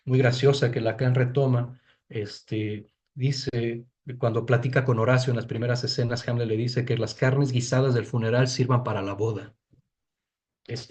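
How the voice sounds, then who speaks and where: A man's voice: medium pitch, a little mellow. A man giving an explanatory lecture to a study group, thinking aloud with frequent restarts and checking in with tag questions. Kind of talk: explanatory lecture on a literary reading.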